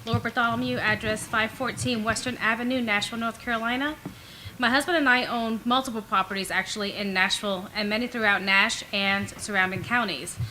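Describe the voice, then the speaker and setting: A woman speaks firmly at a council podium, driving her argument with pointed rhetorical questions. Her voice is high and bright, with a forceful edge. A faint hiss sits beneath it. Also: fairly even intonation, a little fast, poor audio. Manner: firm, insistent, uses rhetorical questions. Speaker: resident and ministry director giving public comment. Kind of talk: prepared public comment at a council meeting. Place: council meeting room.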